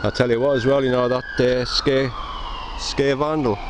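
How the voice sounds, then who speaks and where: A man in his forties from North East England, speaking with a Northeast English accent, chats casually to a handheld camera in a mid-range, steady voice at normal speed, rambling with many ums and restarts. He's an allotment vlogger, first outdoors in his allotment garden, then inside a shed on a fixed camera. Sirens and traffic can be heard in the outdoor ambience.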